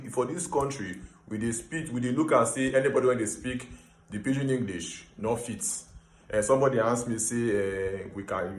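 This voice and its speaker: With a medium-pitched voice captured in a roomy space, a Nigerian host delivers a casual explainer monologue. He switches between Pidgin and English in his Nigerian accent, speaking emphatically and with animation.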